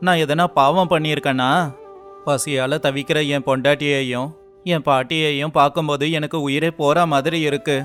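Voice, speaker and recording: A man's voice: on the high side, fairly even intonation, normal speed, a bit bright, soft background music, lightly acted. A man voicing a poor young fisherman who laments earnestly and tearfully in a storybook tale. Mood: despairing. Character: poor young fisherman, despairing yet kind. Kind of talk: storybook voice acting.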